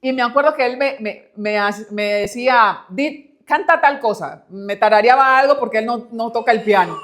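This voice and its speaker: A woman's voice: a little high, a little fast, a bit bright. A woman giving a church teaching talk, chatty and laughing often as she speaks to the congregation.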